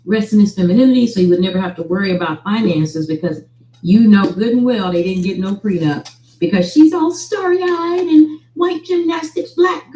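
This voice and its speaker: Woman gossiping casually in a roomy space, mellow. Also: medium pitch, slight background noise. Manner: colloquial, storytelling with mimicked dialogue. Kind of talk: casual opinionated commentary on celebrity gossip. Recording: roomy echo.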